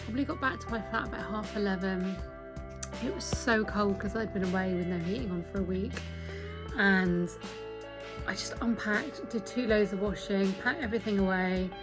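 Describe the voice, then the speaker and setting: A woman's voice: mid-range voice, moderate pace, music in the background. A woman chatting casually and informally to camera as a travel vlogger, rambling and confiding.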